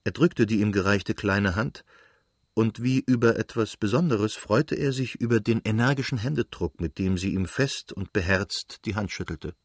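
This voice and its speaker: Low-voiced male audiobook narrator. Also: slightly rough, dry recording, clean studio sound. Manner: measured, literary reading. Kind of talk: scripted narration of a classic novel.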